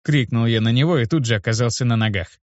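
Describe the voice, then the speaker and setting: A man narrating a first-person fantasy story in a measured, matter-of-fact way, in a dull, dry lo-fi recording. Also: mid-range voice, dry recording. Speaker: audiobook narrator.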